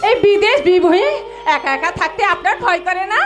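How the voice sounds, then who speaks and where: An actress playing a desperate young woman in a folk stage play, shrill and tearful in her pleading. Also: fairly quick. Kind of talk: jatra stage acting. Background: loud stage music.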